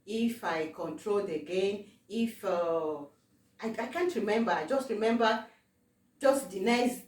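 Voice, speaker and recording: A woman from Africa telling a personal testimony, halting, with many fillers and repeated words. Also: medium pitch, darkish tone. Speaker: testimony vlogger. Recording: roomy, distant from the mic.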